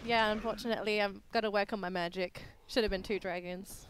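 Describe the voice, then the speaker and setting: A woman's voice: mid-range voice, steady tone, quick pace, noisy background. A woman with an Australian accent joining esports banter in a giggly, teasing, mock-theatrical way. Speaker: esports host. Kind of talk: playful esports panel banter.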